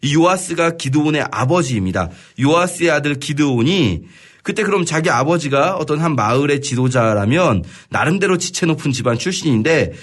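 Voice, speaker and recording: A man teaching a Bible study on the radio, reading verses and explaining them in a conversational way, often pausing to search for words. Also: a little high. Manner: reads scripture aloud, then paraphrases it conversationally.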